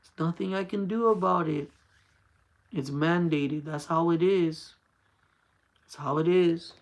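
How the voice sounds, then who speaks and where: A man in his forties hosts a casual faith talk for his channel, his voice on the high side and a little slow. He speaks earnestly and repetitively, urging his listeners on.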